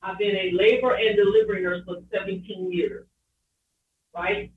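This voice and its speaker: A middle-aged woman calls in over a speakerphone, her voice thin and squeezed as if down a phone line. She sounds set back from the mic in an echoing kitchen, talking casually as she cooks. Her pitch sits fairly high for the speaker. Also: steady tone, normal speed, recorded from a distance, a little hiss or hum. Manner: talks while cooking at home. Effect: muffled speakerphone over a video call. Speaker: caller, labor and delivery nurse. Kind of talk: casual call-in chat.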